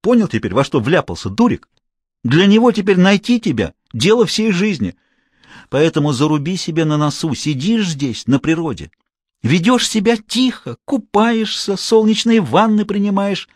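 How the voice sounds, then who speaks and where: A man's voice: high voice, very animated, normal speed, dry recording, studio quality, voice pushed up. A man voicing an irritable, scheming male crime boss who scolds and lectures his underling. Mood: bossy. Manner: scornful, bossy, lecturing.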